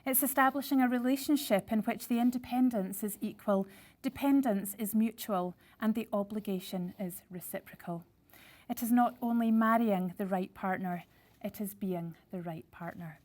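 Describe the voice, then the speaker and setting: A woman leading a vow renewal ceremony, speaking in a measured, formal way. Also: medium pitch, darkish tone. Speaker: wedding celebrant. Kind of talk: ceremony address.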